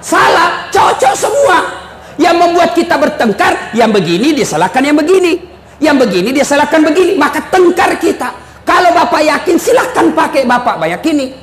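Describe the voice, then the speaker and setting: Guy with a really high voice preaching, jokey and teasing, calls out to the crowd, big echoey hall. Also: normal speed. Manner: lively, teasing, addresses the audience directly. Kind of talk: humorous sermon. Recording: echoey hall with faint room noise.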